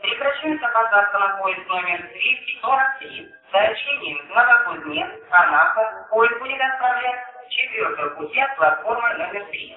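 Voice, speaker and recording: A man reading formal, measured public-address announcements at a railway station, in the manner of an airport announcement. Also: medium pitch. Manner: formal, measured announcing with set phrases repeated. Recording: echoey distant station loudspeaker, muffled lo-fi.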